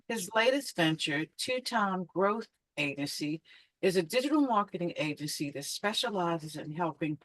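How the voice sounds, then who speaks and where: Upbeat woman interview host, low voice. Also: dry recording. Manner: upbeat, enthusiastic. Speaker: podcast host. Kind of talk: scripted guest introduction and interview questions.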